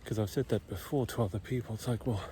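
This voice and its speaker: This is a casual walking vlog: a middle-aged man, breathing hard as he heads uphill outside in a quiet neighborhood, talks in a hushed whisper. His lowish voice moves at a quick pace over slight background noise.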